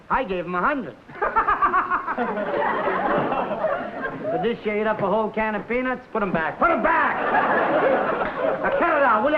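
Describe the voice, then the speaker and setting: Harried 1950s nightclub comic. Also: male voice, extremely high pitch, very noisy. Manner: brusque, exasperated bossing. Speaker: nightclub entertainer. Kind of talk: 1950s sitcom acting. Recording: muffled 1950s TV soundtrack with music.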